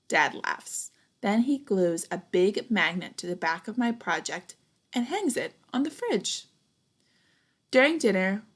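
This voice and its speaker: A young woman who teaches reads a picture book aloud to kids, her medium-pitched voice carrying clear vocal fry. Unhurried and expressive, she reads with care and stops to pose questions and make small comments.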